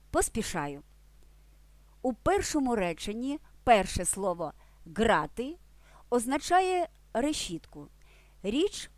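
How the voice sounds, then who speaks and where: A woman reading a scripted language lesson with clear, deliberate delivery and lively emphasis on key words. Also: on the high side, no echo. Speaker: language teacher. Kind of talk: scripted educational narration.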